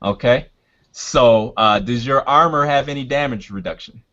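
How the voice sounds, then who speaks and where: A man with a mid-pitched voice referees a tabletop game in a casual, halting way, often thinking aloud. The recording is slightly muffled and lo-fi. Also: pushed and bright. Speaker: game master. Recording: dull, lo-fi sound.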